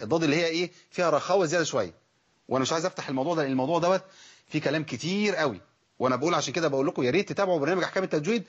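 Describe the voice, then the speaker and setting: A man with an Egyptian Arabic accent teaches Quran pronunciation at a quick clip, his voice slightly husky. He breaks into slow, stretched recitations to demonstrate each sound. The recording is dull and lo-fi. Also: fairly high pitch. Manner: lively, demonstrates recited words slowly and stretched. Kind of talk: Egyptian colloquial lesson on letter pronunciation.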